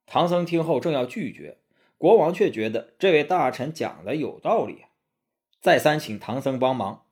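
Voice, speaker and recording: A man narrating a classic tale as a storybook for children, in a lively, expressive way. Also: fairly high pitch, moderate pace, slightly rough.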